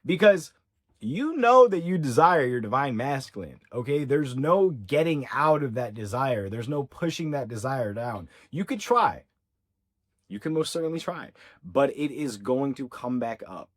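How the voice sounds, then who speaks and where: A man's voice: medium pitch, lively intonation, unhurried. A man in a middle register gives a channeled spiritual reading straight to his viewers. His tone is earnest and reassuring. He speaks casually and circles back to the same phrases for emphasis. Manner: conversational with fillers like "like" and "yeah". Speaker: ascension coach.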